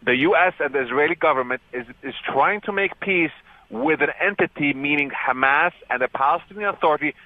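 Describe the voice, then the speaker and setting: A man's voice: fairly high pitch, a little fast, no echo. Passionate, insistent male caller on a muffled line. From Brooklyn, New York. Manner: passionate, insistent, keeps asking "okay?". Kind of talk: talk radio call-in. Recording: muffled phone call.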